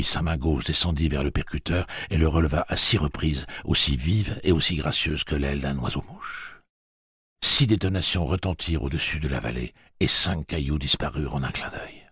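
Extremely deep, husky male narrator. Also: a bit bright, no room sound, clean studio sound. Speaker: audiobook narrator. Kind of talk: scripted narration.

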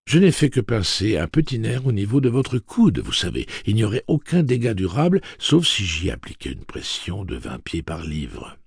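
A man's voice: lowish voice, wildly swooping pitch, moderate pace, vocal fry, few pauses, slightly rough, no echo, clean studio sound, pitched above the performer's own voice, exaggerated voice. A man voicing a prissy, condescending male robot with a suave, slightly effeminate manner, read as an audiobook character voice.

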